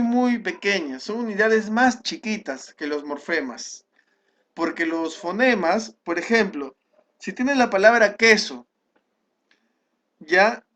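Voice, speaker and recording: Male teacher, high-pitched, patient explainer, recorded class lesson. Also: fairly bright tone. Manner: explanatory, with frequent checking "¿ya?" and restarts.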